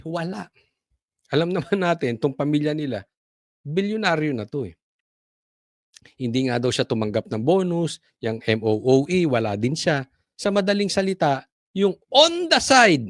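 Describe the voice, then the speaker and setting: A man's voice: mid-range voice, no echo, studio quality. A man giving mocking, conversational political commentary on his own show. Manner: animated, mocking, conversational with chuckles.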